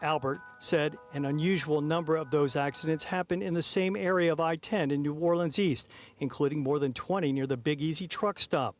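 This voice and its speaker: Male TV news reporter, fairly high register, formal measured live delivery, recorded outdoors in the city. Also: soft background music. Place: outdoors outside a city courthouse. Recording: live outdoors on an urban street.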